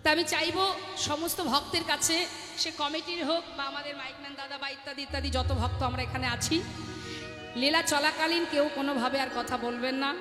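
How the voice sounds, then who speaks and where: A woman's voice: high-pitched, steady tone, brisk, sharp tone. A woman kirtan singer preaching and chanting to a crowd, calling the listeners mother and father as she urges them on. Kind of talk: devotional sermon with chanting. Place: large hall at a devotional gathering. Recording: echoey hall with music behind.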